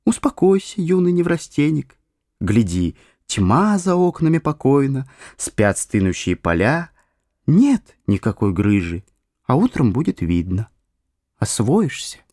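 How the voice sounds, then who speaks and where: A man's voice: mid-range voice, very animated, a little slow, no room sound, clean studio sound. A man voicing personified weariness, a soothing inner voice that lulls toward sleep. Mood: lulling. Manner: lulling, soft, hushed.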